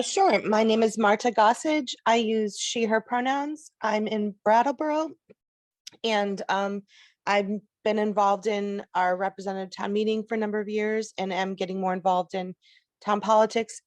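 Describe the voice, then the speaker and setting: A woman introducing herself on a video call as a local activist, steady and plain-spoken. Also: medium pitch, no room sound.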